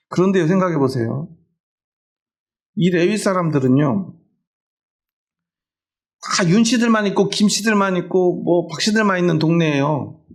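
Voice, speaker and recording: A middle-aged male pastor delivering a sermon with a gravelly, slightly creaky edge to his voice. He pitches his voice somewhat high for a man and keeps a chatty, question-asking tone with his congregation, as if talking with them rather than lecturing. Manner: conversational preaching with questions to the congregation.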